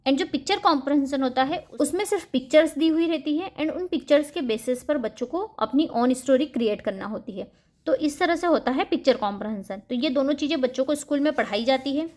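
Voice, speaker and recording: A woman hosting a home-schooling channel, explaining a first-grade English syllabus to parents and reading example sentences out slowly. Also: high voice, a little mellow. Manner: mixes Hindi with English words, reads example sentences slowly.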